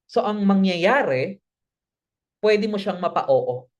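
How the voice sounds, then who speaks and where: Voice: lively intonation, takes it slowly. A business mentor giving a recorded sales-training lesson, coaching viewers casually, mixing in English phrases and correcting slips as they go. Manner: coaching, talks straight to viewers, acts out sample pitches.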